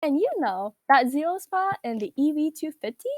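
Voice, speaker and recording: A woman voicing a vain, boastful evil queen diva, her voice run through a voice changer that shifts its pitch, speaking haughtily and laughing at herself mid-sentence. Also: lively intonation, moderate pace, a little mellow, dry recording, studio quality. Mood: haughty. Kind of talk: comedic character roleplay.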